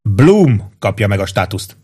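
A man's voice: fairly low pitch, big pitch swings, mellow, breathy edge. A man reading an audiobook, voicing a pompous, fussy middle-aged army captain with a raised, insistent, self-satisfied voice. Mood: bossy.

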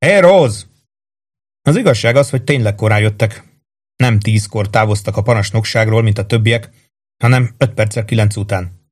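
A man narrating a novel in a steady, even storytelling voice. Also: on the low side. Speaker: audiobook narrator.

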